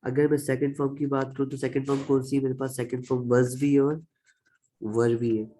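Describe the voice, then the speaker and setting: Male grammar teacher with a Pakistani accent, even-pitched and warm-toned, patient step-by-step explainer. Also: a little fast, low-quality recording. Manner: explains step by step, repeats examples. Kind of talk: classroom-style grammar lecture.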